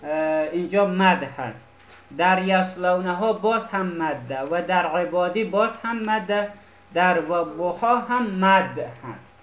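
A woman with a lower, animated voice teaches an Arabic class, taking her time with explanations and repeatedly checking that students understand. The recording picks up the echo of the classroom.

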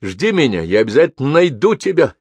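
Man voicing an impassioned lovesick painter, pleading, calling out, raised and loud, dry recording. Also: medium pitch, big pitch swings, brisk, husky, dry recording, voice pushed up.

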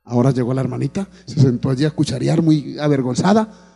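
A pastor with a medium-pitched, creaky, dark voice and a breathy edge preaches briskly to his congregation, calling out praise and asking them questions. He frequently says "amén" and "alabado el nombre de Jesús," and the recording has a long hall reverb.

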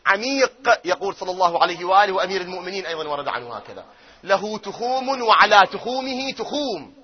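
A man giving a religious lecture, who swings from loud chanting of verses to quiet asides and keeps asking his audience questions. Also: sits high, animated, fast, highs cut off. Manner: asks his audience questions and answers them himself. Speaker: cleric lecturing on doctrine.

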